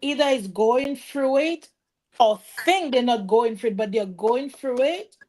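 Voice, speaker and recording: A woman's voice: on the high side, measured pace, darkish tone. A woman on a live-streamed roundtable, speaking emphatically and defiantly about her own experiences. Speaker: panelist, domestic violence survivor. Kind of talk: roundtable discussion.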